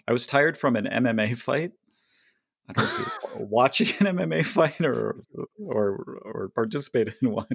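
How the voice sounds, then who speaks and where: With a medium-pitched, gravelly voice and no room sound, a man co-hosts a casual podcast. He reads listener letters aloud and makes dry, wry jokes.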